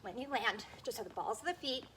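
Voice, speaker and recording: A woman leading a workout while exercising along, somewhat breathless, giving short form cues and steady encouragement. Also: on the high side, fast talker, a little hiss or hum, rough recording. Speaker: fitness instructor leading a workout. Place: indoors on carpet.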